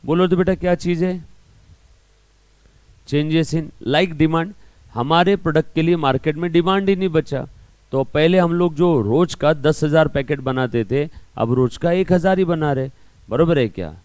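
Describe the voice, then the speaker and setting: A man's voice: on the high side, unhurried, darkish tone, clean tone, dry recording. A male accounting teacher giving a classroom lecture, explaining through everyday analogies and constantly checking whether students follow. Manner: keeps checking understanding with questions to students. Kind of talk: classroom lecture mixing Hindi and English.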